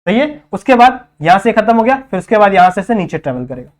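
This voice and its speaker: A man's voice: high voice, very animated, fast. Man teaching biology at a whiteboard. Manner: repeats each term as a question to the class; checks in often with "thik hai". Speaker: biology tutor. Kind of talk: whiteboard lecture in Hindi-English mix.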